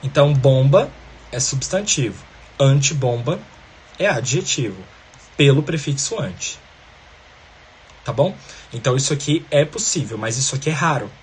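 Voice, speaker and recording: A man's voice: mid-range voice, animated, normal speed, pauses often, slight background noise. A man teaching a grammar lesson, explaining step by step and often checking in with the listener.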